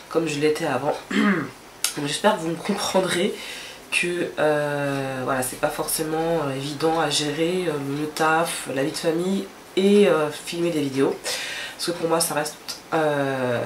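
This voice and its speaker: A vlogger chats casually to camera, rambling and hesitating often, her voice stuffy and nasal from a cold. It's low-pitched, and the recording sounds roomy with a little hiss or hum.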